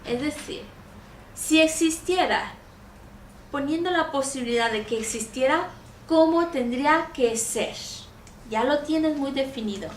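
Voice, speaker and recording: High-voiced woman, echoey far mic. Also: lively intonation, a little slow. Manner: patient, explanatory, with frequent checking "¿vale?". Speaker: interpreter for a teacher. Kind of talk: explaining a philosophy lesson. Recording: echoey room, mic far off, faint noise.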